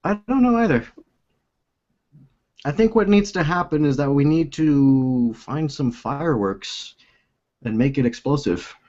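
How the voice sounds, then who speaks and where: A young man hosts a relaxed video call from a room in his home, rambling and laughing a lot into his own desk microphone. His voice sits on the higher side and sounds warm, and he speaks unhurriedly with frequent pauses. The recording is muffled.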